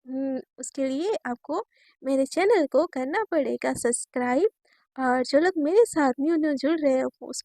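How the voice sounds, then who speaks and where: A woman's voice: high-pitched, darkish tone, no room sound. A woman telling a romance story on her channel in a chatty way, speaking straight to her viewers. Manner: chatty, addresses viewers directly.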